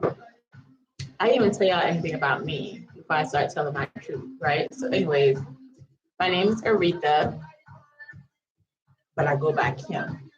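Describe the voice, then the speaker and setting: A woman of around thirty from the US Virgin Islands tells a personal story as a storytelling vlogger, casual and chatty, with lots of slang and asides. Her voice is low-pitched with lively intonation, and she speaks unhurriedly with long pauses. The recording sounds muffled.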